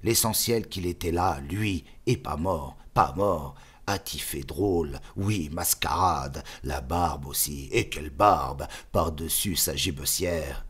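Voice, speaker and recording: A man giving an expressive, dramatic audiobook reading of a novel. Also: extremely low pitch, slow, husky. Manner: expressive, spoken cadence. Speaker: audiobook reader.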